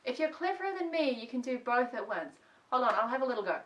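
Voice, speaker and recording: A woman's voice: fairly high pitch, sing-song, fast talker, fairly bright tone, a little hiss or hum. A woman music teacher leading a children's music lesson at home, playful, singing song lines between her spoken instructions. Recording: voice a little distant from the mic.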